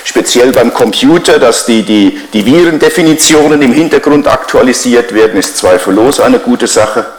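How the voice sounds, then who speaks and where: A man's voice: mid-range voice, moderate pace, roomy sound, rough recording. A middle-aged man giving a conversational sermon as a pastor, driving his points home with repeated rhetorical questions.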